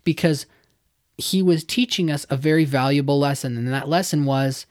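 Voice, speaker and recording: A speaker telling a story in casual conversation, lively, with frequent fillers and laughs. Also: mid-range voice, normal speed.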